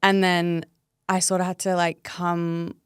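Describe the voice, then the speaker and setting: Guest: Australian woman, 30s, lowish smooth voice, dry close sound, open chatty delivery. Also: little pitch movement, unhurried, dry recording. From Melbourne, Australia. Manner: chatty, open, uses 'like' often. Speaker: podcast guest. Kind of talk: casual interview chat.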